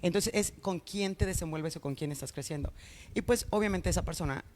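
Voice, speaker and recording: A man, a guest expert explaining ideas in animated, conversational speech. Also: sits high, a little fast, a little hiss or hum.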